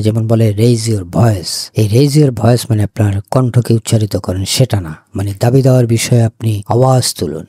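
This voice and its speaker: A man teaching English vocabulary to Bengali speakers, saying each word and then repeating its meanings as a slow list. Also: on the low side, dark tone, breathy edge, no echo, clean studio sound. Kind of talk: vocabulary lesson.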